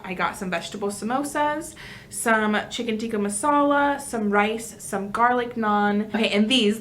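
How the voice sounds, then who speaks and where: A woman's voice: mid-range voice, a bit bright, slight background noise. A woman hosting a mukbang, chatting casually to viewers between bites of food. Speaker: mukbang host. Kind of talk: casual eating-show chat.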